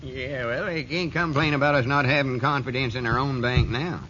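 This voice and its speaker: Lum, a bossy old storekeeper on AM radio. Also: male voice, mid-range voice, steady tone, normal speed, sharp tone. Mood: self-assured. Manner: scolding, self-assured drawl. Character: old rural male storekeeper, bossy and sure. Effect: old AM radio broadcast sound. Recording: muffled noisy 1940s radio recording.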